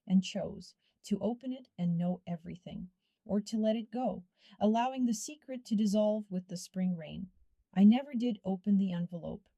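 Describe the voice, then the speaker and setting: A woman narrating a first-person story in a measured, hushed storytelling manner. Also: mid-range voice, dry recording.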